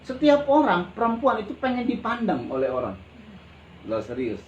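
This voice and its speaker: A man's voice: high voice, wildly swooping pitch, moderate pace, highs cut off. A man pastor preaching a sermon in a conversational, colloquial way, often calling out to his listeners and breaking in with exclamations. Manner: colloquial, with frequent exclamations and repetition. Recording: echoey hall with faint ambient noise.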